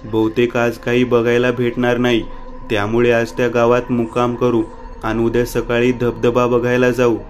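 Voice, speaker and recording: A man's voice: medium pitch, completely flat delivery, normal speed, slight background noise, natural voice. A man voicing a stubborn, hot-tempered young man in a storybook reading.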